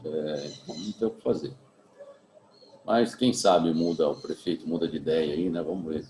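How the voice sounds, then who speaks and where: A man with a Brazilian Portuguese accent, a physics teacher giving a remote class in a relaxed, chatty way, full of tag questions. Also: extremely low pitch, moderate pace, echoey room, slight background noise, low-quality recording. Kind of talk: remote class, casual chat.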